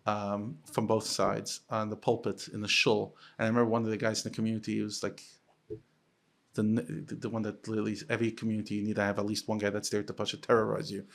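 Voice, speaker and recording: A man's voice: fast, vocal fry. A man from the United States, a rabbi, talking casually as a podcast guest, restarting and repeating words as he goes. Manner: animated, lifts his pitch sharply when quoting others.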